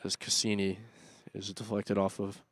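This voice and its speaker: A young man doing play-by-play commentary on a school soccer match, jumping up loudly when attacks build. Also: fairly low pitch, moderate pace, no echo. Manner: excitable, rising loudly on attacks. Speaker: student sports commentator.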